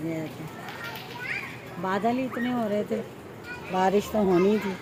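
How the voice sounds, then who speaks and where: A middle-aged woman from Pakistan with a Pakistani Urdu accent, chatting casually in a family vlog at home and telling a story in an animated way, with lots of repetition for emphasis. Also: medium pitch, moderate pace, background noise. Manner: frightened and fretful at first. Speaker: vlogger. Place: home, moving between rooms and a balcony.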